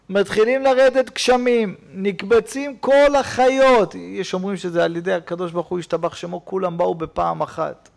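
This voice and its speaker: Animated preaching rabbi, high voice. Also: male voice, vocal fry. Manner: animated storytelling preacher, swings between loud and hushed. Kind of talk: sermon. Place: synagogue.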